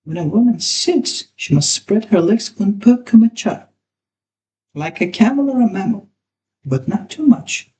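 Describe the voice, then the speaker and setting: A man's voice: high voice, animated, a little slow, darkish tone. A man voicing a pompous older woman who teaches etiquette, prim and scolding, slipping in French phrases.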